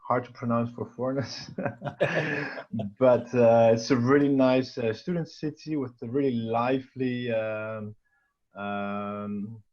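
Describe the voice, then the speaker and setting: A man's voice: mid-range voice, darkish tone, dull audio. A man from the Netherlands whose first language is Dutch, talking casually as an interview guest with many fillers and restarts.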